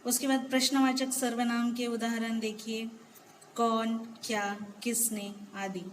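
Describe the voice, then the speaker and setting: A woman gives a grammar lesson at a slow, deliberate pace, patiently working through example after example. Her voice sits a little high for a woman. A faint long reverb and light background noise hang behind her. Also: flat delivery. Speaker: teacher.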